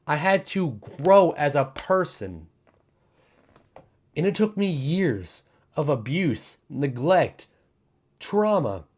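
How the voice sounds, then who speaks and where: A young man around twenty-one speaks candidly to his audience in a heartfelt monologue. He repeats himself for emphasis and swears casually. His voice rises and falls in a lively way as he presses each point home. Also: a little high. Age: 20s. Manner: earnest, repetitive, emphatic, with swearing. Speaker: streamer.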